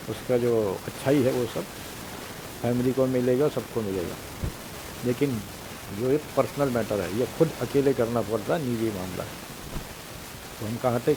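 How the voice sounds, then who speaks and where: Man giving a spiritual discourse over hiss. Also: mid-range voice. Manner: explains slowly with repetition, chants sacred names. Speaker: spiritual teacher. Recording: hissy recording. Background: steady hiss.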